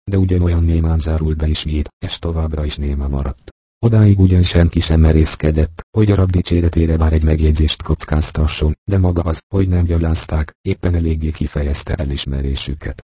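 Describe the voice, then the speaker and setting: A man narrating an audiobook in a steady, measured storytelling manner. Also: a bass voice, slightly rough, dry recording. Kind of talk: scripted narration.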